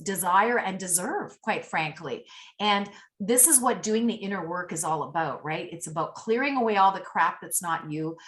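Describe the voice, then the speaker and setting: Chatting casually in an interview over a remote call, a podcast guest speaks with a lowish, somewhat bright voice, full of effusive, upbeat motivation. She was born in Italy, where Italian was her first language, and raised in Canada from early childhood.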